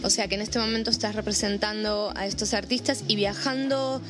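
A woman hosting a relaxed radio interview in a café, chatty and full of small fillers. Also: mid-range voice, fairly quick, music in the background. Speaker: radio show host. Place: vegan café.

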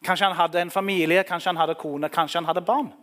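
A man's voice: high voice, fairly even intonation, fairly bright tone. A man preaching a sermon, telling the story vividly and speaking directly to the listeners.

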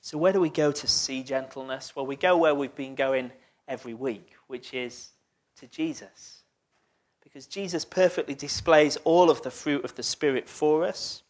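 Speaking at a medium pitch, a preacher talks conversationally through his sermon and asks the congregation questions, frequently dropping his voice nearly to a whisper.

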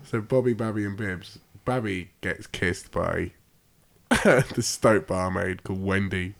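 A man's voice: low-pitched, slow pace, gravelly. A man in an improvised comedy chat, playful, laughing often as he spins silly stories.

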